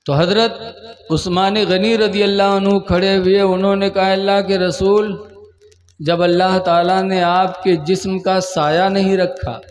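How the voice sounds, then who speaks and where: High-voiced male preacher in an echoing hall. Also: flat delivery. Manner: emotional storytelling, voices quoted figures with rising pitch. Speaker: mufti preacher. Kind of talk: sermon storytelling.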